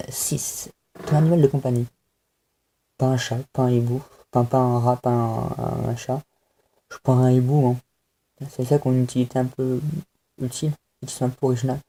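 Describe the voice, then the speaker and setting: A man's voice: mid-range voice, fairly even intonation, normal speed, vocal fry, pauses often, dark tone, slight background noise. A young man chatting casually to camera at home, hesitant and self-mocking, with many fillers. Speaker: vlogger answering a fan tag. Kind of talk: casual chat.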